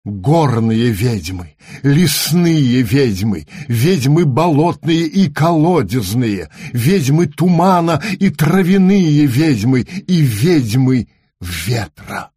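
Man reading a storybook aloud, slow and measured, dry close sound. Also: medium pitch, big pitch swings, mellow, slightly rough, dry recording. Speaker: narrator.

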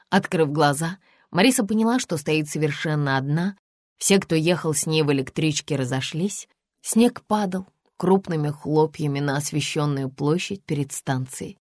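A woman narrating an audiobook in an even, measured reading. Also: low-pitched, dry recording, clean studio sound. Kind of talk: scripted narration.

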